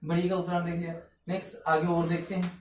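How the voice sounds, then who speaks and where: Recorded with a distant mic in an echoing room with faint background noise, a man teaches phonetics at the blackboard. His mellow, high-pitched voice has little pitch movement and moves at a quick pace. He asks questions and answers them himself.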